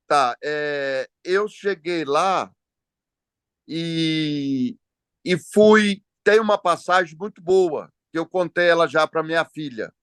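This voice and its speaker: A man's voice: on the high side, slow pace, clean tone, dry recording, studio quality. A man being interviewed as an entrepreneur, talking casually over a call and telling stories with many hesitations and restarts. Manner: relaxed, storytelling with frequent hesitations. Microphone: phone or video call.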